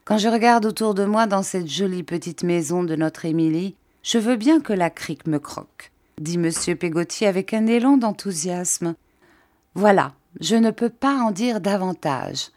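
A woman's voice: medium pitch, normal speed, darkish tone, lightly acted. A woman voicing a cheerful, cordial old fisherman who talks with open enthusiasm. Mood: hearty.

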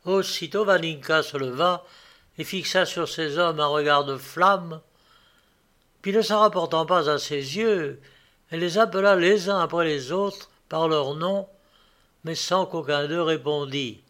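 A man narrating an audiobook in a steady, measured storytelling manner. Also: fairly high pitch. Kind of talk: audiobook reading.

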